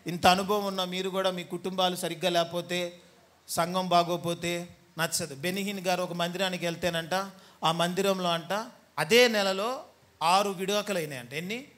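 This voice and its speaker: High, bright-voiced pastor preaching. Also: male voice, fairly even intonation, moderate pace. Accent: Telugu. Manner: teasing, scolding preacher who mimics the people he talks about. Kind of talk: sermon.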